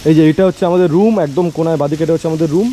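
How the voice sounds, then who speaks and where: A travel vlogger with a Bengali accent narrates in a slightly high, dark-toned voice at a racing pace, chatty and repeating phrases for emphasis. The recording has clear background noise and echoes like a big hall.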